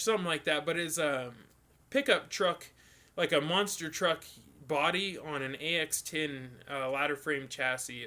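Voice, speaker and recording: A man hosting a live stream, casually answering viewer questions with lots of ums and restarts. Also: a little high. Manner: relaxed, rambling, many ums and restarts.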